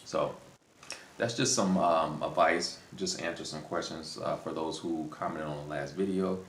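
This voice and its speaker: A very deep male voice with fairly even intonation and a moderate pace belongs to a man hosting a language-learning video. He gives casual, unscripted advice in a rambling way, often repeating and rephrasing himself. The recording has a roomy echo and faint background noise.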